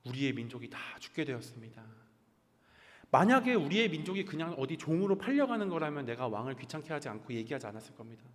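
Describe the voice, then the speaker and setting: Male preacher doing a pleading queen, soft and low, sermon retelling in an echoing hall. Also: very animated, fast. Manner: hushed, low and earnest. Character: desperate pleading young queen. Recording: church hall reverb.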